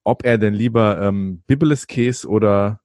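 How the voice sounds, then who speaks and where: A man's voice: lowish voice, normal speed, a little mellow, no echo, clean studio sound. A young man hosting a podcast, chatty and leading into new topics with long wordy setups. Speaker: podcast host.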